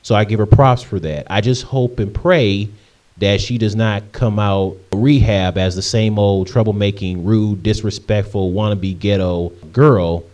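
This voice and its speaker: A man in his late twenties from Michigan, USA, chats through viewer questions in a casual Q&A vlog, rambling with lots of ums and restarts. His voice is lowish and darkish in tone, with fairly even intonation and a slightly slow pace.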